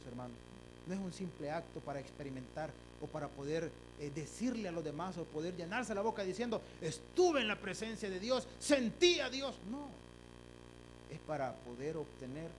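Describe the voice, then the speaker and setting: A man preaching a sermon as pastor in a church, calling his listeners brother and swinging between hushed and loud delivery. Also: a little high. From El Salvador. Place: church sanctuary. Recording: steady electrical hum behind the voice.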